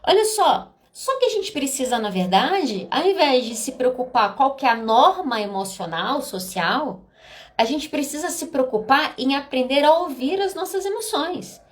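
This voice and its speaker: A woman's voice: sits high, moderate pace. A Brazilian woman psychologist hosting a podcast, talking casually and expressively, often acting out little dialogues. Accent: Brazilian Portuguese. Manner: expressive, rhetorical, acts out dialogue. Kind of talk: casual talk podcast monologue.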